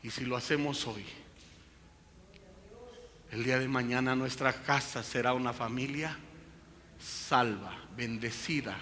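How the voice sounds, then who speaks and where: A man preaching a sermon as a pastor, swinging from loud rebuke to hushed pleading. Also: mid-range voice. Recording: hall reverb with faint background noise.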